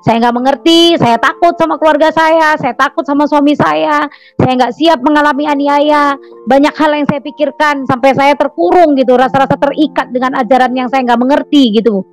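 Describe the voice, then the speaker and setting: High-voiced woman giving an earnest testimony. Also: fairly even intonation, normal speed, faint music behind, poor audio. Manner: earnest, repetitive, frequent "eh" and "gitu" fillers. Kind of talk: personal testimony addressed to a congregation.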